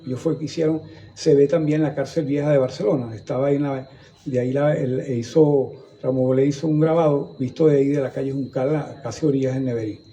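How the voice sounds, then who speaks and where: Speaking quickly in a mid-range, dark-toned voice with fairly even intonation, an older man from Venezuela tells stories as a guest historian in an indoor museum gallery. His Venezuelan Spanish-accented delivery meanders, restarting and repeating words as he remembers, with slight background noise behind him.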